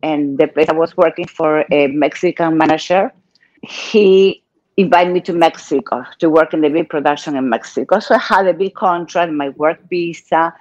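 An older woman from Argentina with a Spanish accent, telling her life story as a guest in a casual interview, in halting non-native English. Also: deep voice, darkish tone, no echo, muffled recording. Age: 60s or older.

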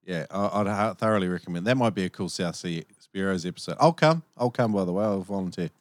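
A man's voice: deep voice, fast, no echo. Blokey man hosting, close dry sound. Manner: blokey, sweary, slangy. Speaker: podcast host. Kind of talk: casual chat.

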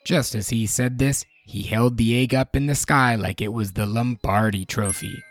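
A man's voice: medium pitch, fairly even intonation, moderate pace, faint music behind. A man narrating a scripted story as the narrator between acted scenes.

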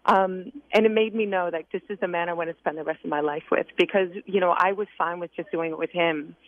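A woman's voice: on the low side, steady tone, quick pace. A woman calling in to a radio show, telling a personal story, emotional and choked up at times. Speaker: caller. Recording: tinny phone line, dry.

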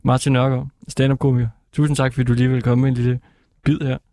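A man's voice: medium pitch, level tone, warm tone, dry recording, studio quality. A male radio host chatting casually with a guest, with many hesitations.

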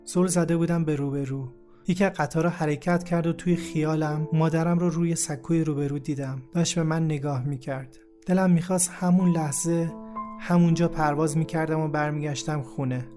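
A man narrating a first-person memoir in a steady, reflective way. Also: fairly high pitch. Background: faint background music.

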